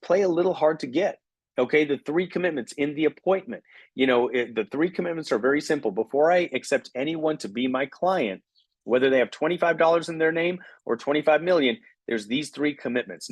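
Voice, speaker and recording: A middle-aged man giving an energetic coaching talk on recruiting, often checking in with "okay?". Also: medium pitch, husky, no room sound. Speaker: recruiting trainer. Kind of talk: motivational training talk.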